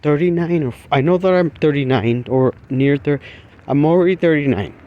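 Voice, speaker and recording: A man talking casually to camera while walking outdoors, rambling and halting with many fillers and restarts. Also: a little high, lo-fi sound. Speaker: vlogger. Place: outdoors, walking along a street.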